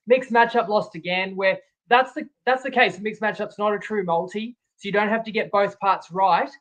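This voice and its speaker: A man with an Australian accent and a high, fairly bright voice co-hosts a casual sports betting podcast as a tipster. He sounds reflective and a little self-critical, with some hesitant fillers, and the audio is dull.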